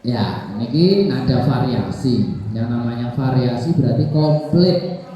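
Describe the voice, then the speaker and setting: A man with a Javanese accent teaching teachers to recite the Quran in melody, switching between chanting verses and brisk explanation. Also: mid-range voice, lively intonation. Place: school hall. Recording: dull, echoey hall with reverb.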